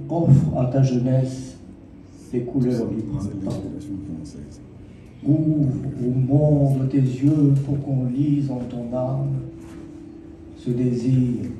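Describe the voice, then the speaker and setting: A man, a poet, reciting his poems with slow, lyrical phrasing and dramatic pauses, and telling the story behind them. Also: mid-range voice. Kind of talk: poetry recitation with spoken story. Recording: echoey hall from far off.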